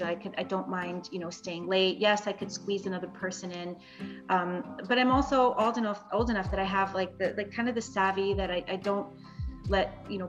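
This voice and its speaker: A woman in her forties, a dentist hosting a podcast, chatting candidly and with self-deprecating humor. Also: medium pitch. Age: 40s. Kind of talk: casual panel chat.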